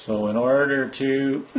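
In an indoor room, a product trainer holds a camera and explains a monitor's setup screens one step at a time. His medium-pitched voice is a little mellow and very animated yet slow, and his instruction stays plain, with some fillers and restarts.

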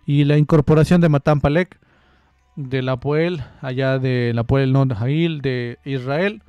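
Into a close studio mic, wearing headphones in a small room, a young man rambles and jokes through a football analysis with many restarts. His voice is medium-pitched, clear and resonant at a measured pace, and the recording is dry and lo-fi.

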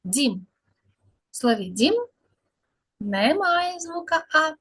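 A woman's voice: high-pitched, sing-song, slow pace, fairly bright tone. A woman speech therapist leading a lesson for small children, drawing out words in a sing-song way.

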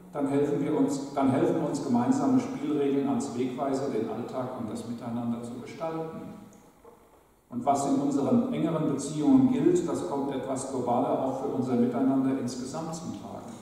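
A man giving a sermon as a lay preacher, measured and emphatic, with pauses for weight. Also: medium pitch, warm tone, distant mic. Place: church. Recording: echoey church recorded from afar.

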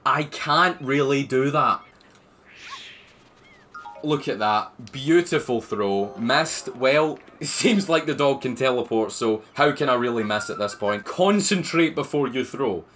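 A man's voice: mid-range voice, takes it slowly, fairly bright tone, a little hiss or hum. A man giving playful let's-play commentary as a gaming YouTuber, joking and exclaiming at the screen.

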